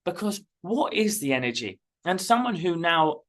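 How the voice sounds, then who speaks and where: A man's voice: a little high, big pitch swings, normal speed, a bit bright. A middle-aged man hosting his own channel as a spiritual coach, talking earnestly and emphatically, often repeating phrases. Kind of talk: casual direct-to-camera talk.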